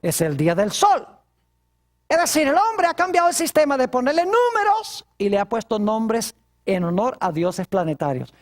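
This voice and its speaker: Lively-pitched preaching pastor. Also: male voice, normal speed. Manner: preaching with rhetorical questions to the congregation. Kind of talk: sermon.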